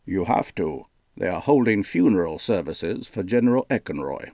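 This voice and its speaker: A man narrating an audiobook, voicing a solemn, secretive male protector in a low, slow, hushed delivery. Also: big pitch swings, creaky, no room sound, clean studio sound, heavily acted. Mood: grave urgent. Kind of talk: audiobook character voice.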